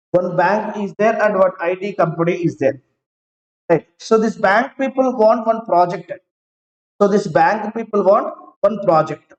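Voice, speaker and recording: An IT trainer with a high-sitting voice teaches an online class slowly, repeating each phrase several times and asking students to confirm they follow. The class audio sounds roomy, dull and lo-fi.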